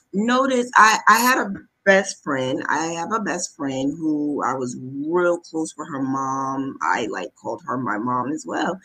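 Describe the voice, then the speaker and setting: This recording is rough, and the woman speaking has a low, sharp-toned voice. She's a vlogger sharing something that happened to her in an easygoing, chatty way, frequently backtracking and performing the lines of people she quotes.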